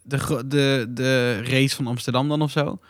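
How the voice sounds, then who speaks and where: A man's voice: medium pitch, steady tone, normal speed, no echo, studio quality. A young man hosting a casual podcast, asking lots of questions and teasing his co-hosts. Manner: curious, teasing, asks many questions. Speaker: podcast host. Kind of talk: casual chat.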